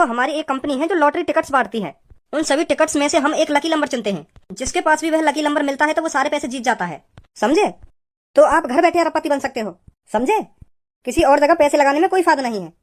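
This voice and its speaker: A pushy cartoon salesman, voiced by a woman, who talks fast and high. He keeps up a smooth, persuasive sales patter without pausing. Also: natural voice. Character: smooth-talking male lottery salesman, pushy. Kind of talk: cartoon voice acting.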